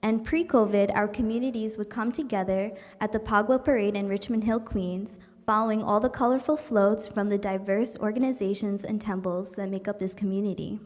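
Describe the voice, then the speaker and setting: A woman's voice: medium pitch, fairly even intonation, fairly quick, hardly any pauses, a little mellow, long reverb tail. A young woman from New York hosting a virtual community event, speaking in an earnest, upbeat and welcoming way. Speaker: event host. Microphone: livestream setup.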